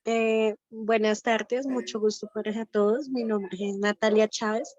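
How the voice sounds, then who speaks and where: Loud-voiced Colombian woman on a dull call. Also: fairly high pitch, fairly even intonation, a little slow, no room sound. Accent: Colombian Spanish. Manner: loud, hesitant, polite. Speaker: workshop participant. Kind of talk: casual speaking over a video call. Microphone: video call. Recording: dull, dry video call audio.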